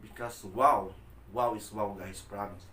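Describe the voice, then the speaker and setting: Casting: Filipino male mukbang vlogger, Tagalog native, slow casual exclaiming chat while eating crunchy fried chicken, roomy echo. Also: fairly low pitch, steady tone, bright, forceful tone. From Philippines. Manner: exclaiming, repetitive praise of food in simple English. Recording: echoey room, faint background noise.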